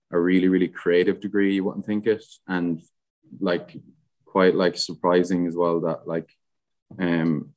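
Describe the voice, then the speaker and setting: A young man with a west of Ireland accent speaks in a deep register with little melodic movement. He answers in a casual interview style, often pausing and restarting as he works out his thoughts. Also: darkish tone. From Galway, west of Ireland. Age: young adult. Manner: hesitant, halting, frequent "like". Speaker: podcast guest, student society president.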